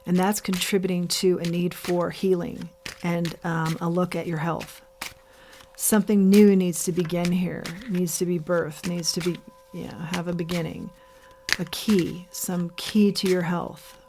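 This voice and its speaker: Earnest low-voiced woman reading tarot. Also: level tone, noisy background. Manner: earnest, repetitive, drawn-out card names. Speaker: tarot reader.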